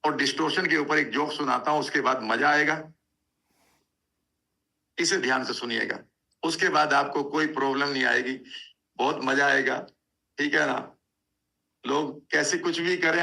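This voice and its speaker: Gravelly, bright-toned man giving a motivational talk. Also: medium pitch. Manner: conversational, storytelling, repeats for emphasis. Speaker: motivational speaker. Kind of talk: motivational talk, Hindi mixed with English.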